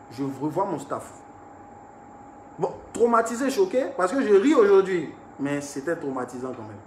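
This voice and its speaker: Young man, storytelling, fairly high voice, echoey room, faint background noise. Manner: animated retelling, swings from hushed to raised. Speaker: artist recounting an incident. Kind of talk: storytelling to viewers.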